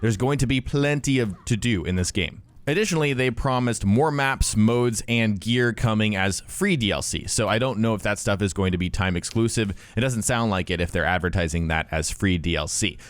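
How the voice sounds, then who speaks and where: A man's voice: on the low side, fairly quick, few pauses, no echo. A man talking casually to viewers as a gaming YouTuber, explaining things conversationally and stressing key words, close to the microphone. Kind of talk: casual talk to viewers about a video game.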